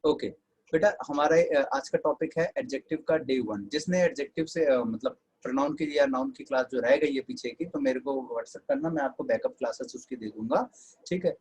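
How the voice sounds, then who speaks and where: A man's voice: medium pitch, moderate pace, darkish tone, rough recording. A man with an Indian accent teaching an online English class, chatty and scolding students fondly.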